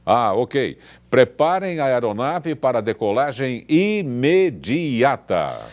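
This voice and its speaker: A man's voice: medium pitch, very animated, slow pace, highs cut off, noisy background. A man hosting a TV talk show puts on a playful mock airline captain voice, announcing to his crew in a theatrical way. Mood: mock-commanding. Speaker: TV show host. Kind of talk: live TV studio talk show.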